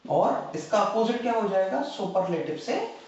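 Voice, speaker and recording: हिंदी लहजे वाला एक पुरुष शिक्षक, जो अंग्रेज़ी व्याकरण पढ़ाते हुए खुद सवाल पूछता है और खुद ही जवाब देता है।. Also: male voice, sits high, sing-song, moderate pace, a little mellow, husky. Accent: Hindi. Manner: asks questions and answers them himself, repeating key words. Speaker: English grammar teacher. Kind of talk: classroom lecture. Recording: dull lo-fi recording.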